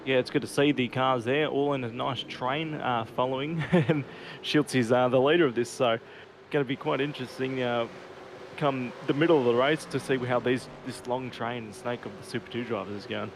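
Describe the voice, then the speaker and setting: A man's voice: mid-range voice, steady tone, moderate pace. A man giving casual motorsport commentary as co-commentator on a sim race. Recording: constant car engine noise. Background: race cars and engine noise.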